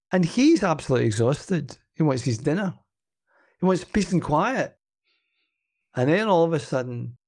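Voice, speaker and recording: A man with a Scottish accent co-hosting a podcast and retelling a story in an animated, chatty way. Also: on the high side. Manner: animated storyteller, chuckles and uses Scots words. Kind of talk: casual podcast discussion.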